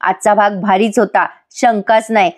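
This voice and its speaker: A woman's voice: mid-range voice, fairly even intonation, normal speed. A woman recapping a TV serial episode in a chatty voice-over, talking straight to viewers and acting out the characters' lines. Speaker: TV serial reviewer.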